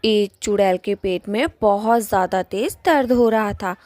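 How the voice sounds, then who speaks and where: A woman's voice: mid-range voice, normal speed, a little mellow, no echo, clean studio sound. A woman narrating a cartoon story in a plain storytelling way.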